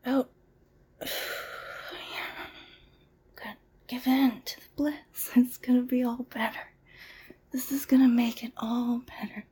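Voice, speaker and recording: A woman doing an ASMR roleplay as a masseuse, talking in a soft, soothing, mostly whispered, breathy voice. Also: fairly high pitch, level tone, normal speed.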